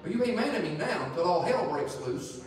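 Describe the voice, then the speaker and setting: A middle-aged man preaches as an evangelist in a church sanctuary, his high voice sing-song and fairly quick, with crowd noise present. He mixes humorous folksy stories into the sermon before becoming earnest. The echoey recording is captured from far away.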